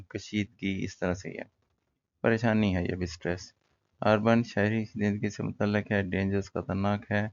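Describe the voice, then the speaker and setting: Male teacher, relaxed explainer, gravelly low voice, muffled lo-fi sound. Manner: relaxed, explains in Urdu with English terms, many fillers. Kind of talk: casual classroom-style lesson.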